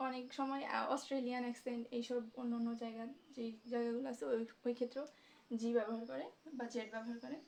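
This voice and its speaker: A woman teaching a spoken English class, slowly saying each letter of the alphabet with many pauses and fillers. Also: high voice, darkish tone. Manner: slow, deliberate, hesitant with fillers, spells out letters one by one.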